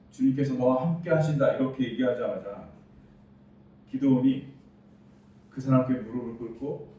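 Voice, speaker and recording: Distant pastor preaching in a roomy church. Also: male voice, medium pitch, mellow. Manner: explaining scripture with quoted dialogue, rising emphasis. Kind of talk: sermon. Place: church sanctuary. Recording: distant roomy church recording, dull sound.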